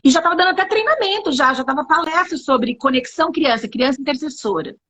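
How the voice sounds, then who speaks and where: A Brazilian woman, a guest in a casual interview, telling her testimony as an animated storyteller who acts out the dialogue. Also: high-pitched, fast talker.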